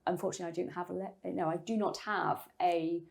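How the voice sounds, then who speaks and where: An English novelist from England discusses her writing in an interview, thoughtful and full of small fillers and restarts. Her lowish, gravelly voice moves at a quick pace with fairly even intonation.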